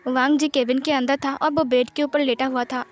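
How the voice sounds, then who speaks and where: Woman reading out a fanfic story, high voice, plain steady retelling. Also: a little fast. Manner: plain, even retelling with small slips. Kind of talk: narrated fan fiction storytelling.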